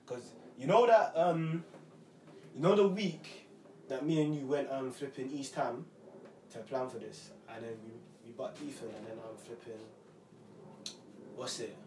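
A man's voice: medium pitch, measured pace, pauses often, darkish tone, recorded from a distance. A young man talks in a roomy space, a little away from the mic, with faint noise behind him. He has a London roadman accent and rambles through stories in casual street slang. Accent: London roadman, multicultural urban slang. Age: young adult. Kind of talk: casual banter and storytelling.

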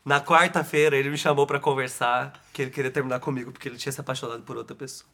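A man telling a personal story as a guest, animated and dramatic, laughing often. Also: medium pitch, rapid-fire. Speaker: guest, actor and author. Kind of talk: casual storytelling.

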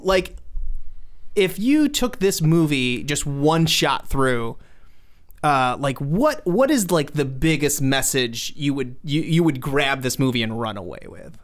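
A man's voice: a little high, sing-song, slow pace. A young man hosting a podcast in casual chat, playful and teasing. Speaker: podcast host and producer.

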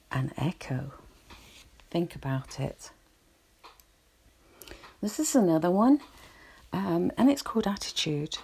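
Woman, guided relaxation talk, unhurried, gravelly, soothing. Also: fairly low pitch, warm tone. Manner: slow, soothing, reflective.

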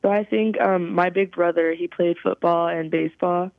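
A young woman from California, a college softball player, giving halting, thoughtful interview answers over a phone call. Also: lowish voice, fairly even intonation, no room sound. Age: young adult. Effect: heard over a phone call. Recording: tinny, dry phone line.

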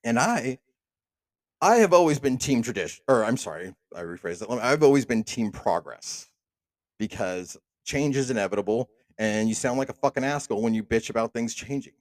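A man's voice: mid-range voice, lively intonation, moderate pace, no echo. A man in his thirties hosting a solo podcast, delivering a profane, rambling rant full of restarts. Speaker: podcast host. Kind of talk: casual solo monologue.

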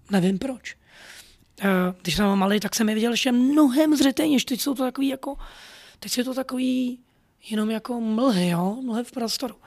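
A man's voice: high voice, no echo, studio quality. Rambling earnest man telling a story. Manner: earnest, rambling, heavy with fillers. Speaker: podcast storyteller. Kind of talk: personal storytelling monologue.

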